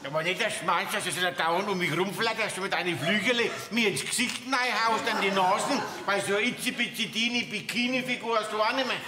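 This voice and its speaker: A man's voice: sits high, fairly quick, hardly any pauses, natural voice. Man as sly old grandpa, stage comedy, reverberant hall, background noise. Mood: teasing. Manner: teasing and sly. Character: wily cheeky old grandfather. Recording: echoey theatre with audience laughter.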